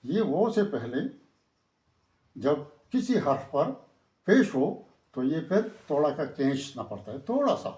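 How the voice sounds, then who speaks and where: Man slowly teaching letter sounds, echoey room. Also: a little high, very animated, darkish tone. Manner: repeats each letter slowly, then explains; writes on a board while explaining. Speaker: Quran reading teacher. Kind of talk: step-by-step letter pronunciation lesson. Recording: roomy echo.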